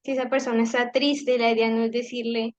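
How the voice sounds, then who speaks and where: A woman's voice: a little high, level tone, a little fast, no room sound, dull audio. A woman sharing a personal reflection in a faith group class, talking conversationally with hesitant restarts. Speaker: class participant.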